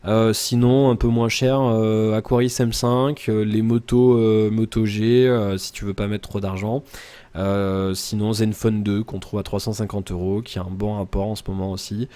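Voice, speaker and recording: A man's voice: lowish voice, flat delivery, moderate pace, warm tone, clean tone. A man chatting casually in a daily vlog, answering viewer comments in a rambling way with many fillers and restarts, talking straight to the viewer. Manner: addresses the viewer informally.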